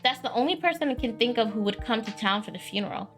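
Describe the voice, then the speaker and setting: Brief: friendly small-town young woman, folksy and wry, pitched a bit high, read by a woman gamer, soft music under. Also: animated, quick pace. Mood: chatty.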